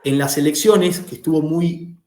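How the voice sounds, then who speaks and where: A man with an Argentine Rioplatense accent lectures a class, explaining step by step and checking whether the students follow. His voice sits a little high for a man. The sound is roomy and echoey. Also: moderate pace, dark tone. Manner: explanatory, asks the class questions. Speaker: law teacher.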